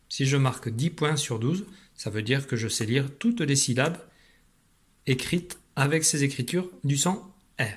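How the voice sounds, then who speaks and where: A man teaching a reading lesson to young children over video, explaining patiently and encouraging them, recorded at a computer at home. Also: mid-range voice. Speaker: primary school teacher. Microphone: computer at a desk.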